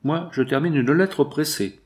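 Man reading as a brisk, impatient engineer boss. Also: a little high, darkish tone, voice pushed up, natural voice. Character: hurried male factory engineer, impatient boss.

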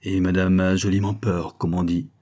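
A sly scheming valet with a low, husky voice, as a male reader puts him on. He drops knowing half-hints and keeps his real thoughts to himself. The tone is dark and mellow. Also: level tone, normal speed. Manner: knowing, evasive.

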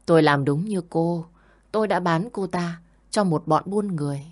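A callous old woman trafficker , voiced by a woman narrator in a storybook drama. She speaks flatly in a low voice. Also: moderate pace, natural voice.

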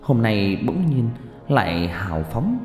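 A man narrating a ghost story in a lively, dramatic way. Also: on the low side, slow pace. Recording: echoey hall with faint music.

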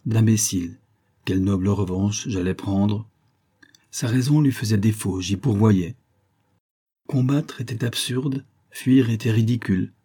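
A man reading an audiobook aloud, telling a first-person adventure with expressive, dramatic swells. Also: lowish voice, slightly rough. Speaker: audiobook narrator. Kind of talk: scripted audiobook narration.

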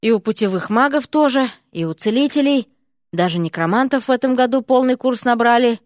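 A woman's voice: a little high, lively intonation, brisk, no room sound, studio quality, pitched above the performer's own voice, close to an everyday voice. Woman doing a fussy grumbling vice dean. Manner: grumbling, exasperated.

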